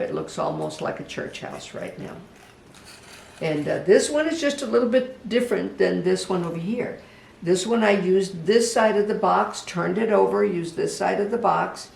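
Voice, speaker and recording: A craft instructor giving a casual step-by-step demonstration, talking gently and unhurriedly, even chatting to the project. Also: mid-range voice, creaky. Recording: echoey room, voice from a distance, faint background hum.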